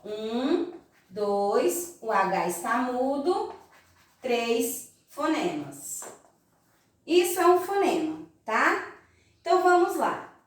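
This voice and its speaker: A Brazilian woman teaching young children in a slow, sing-song voice, recorded in an echoey room from some distance. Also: high voice. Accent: Brazilian Portuguese. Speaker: primary school teacher. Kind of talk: recorded remote class lesson.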